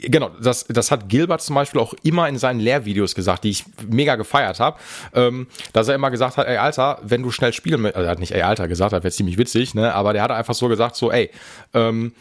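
A man's voice: mid-range voice, fast. A man hosting a casual conversation about guitar playing, talking in a slangy, colloquial way with many fillers and restarts. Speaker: host.

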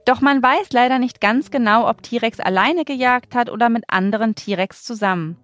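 A woman's voice: fairly high pitch, moderate pace, a bit bright, dry recording. A woman presenting as a children's show host, speaking directly to young listeners with simple scripted explanations and playful exclamations. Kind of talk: kids show hosting, scripted narration and questions.

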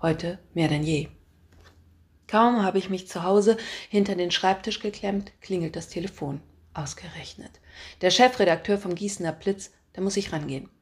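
A woman reading her own first-person story aloud with a lively, ironic manner. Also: mid-range voice, moderate pace. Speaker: author reading her book. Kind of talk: scripted narration, reading aloud.

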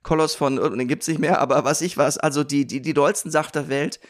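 A man's voice: a little high, steady tone, quick pace. Hesitant, laughing male podcast host. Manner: hesitant restarts, laughs while telling stories. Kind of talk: casual chat about TV series.

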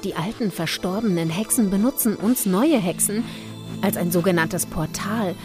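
An actress playing a secretive young woman who teaches witchcraft, speaking calmly and instructively over a film score. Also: medium pitch, normal speed, over music, lightly acted. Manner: calm, instructive, ominous.

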